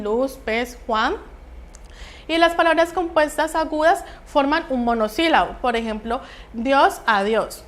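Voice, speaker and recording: A young woman from Colombia, a student giving an oral class presentation, explaining step by step with frequent restarts and fillers. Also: sits high. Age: young adult.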